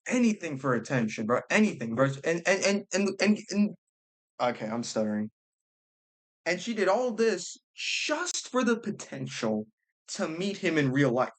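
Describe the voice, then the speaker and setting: This reaction commentary comes from a young male vlogger whose voice sits on the high side, with a sing-song lilt and moderate pace. His remarks are blunt and sarcastic, peppered with slang and tripping phrasing.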